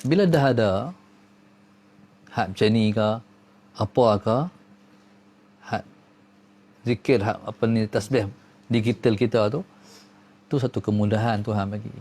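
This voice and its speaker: Animated teacher. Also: male voice, a little slow, pauses often. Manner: animated, swinging from low murmurs to high exclaims; recites Arabic prayers within his talk. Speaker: religious teacher. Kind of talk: religious lesson.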